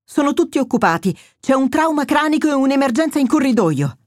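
Woman reading a rushed male doctor, plain and fast, dry sound. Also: high-pitched, sing-song, no room sound, voice pushed up. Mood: hurried. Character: male doctor, hurried second in command.

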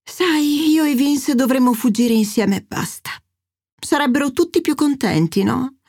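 A woman's voice: high voice, expressive, measured pace, a little mellow, dry recording, studio quality, pitched above the performer's own voice, full character voice. A woman voicing a dramatic, flighty middle-aged mother who talks in a lilting, self-pitying way. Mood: theatrical.

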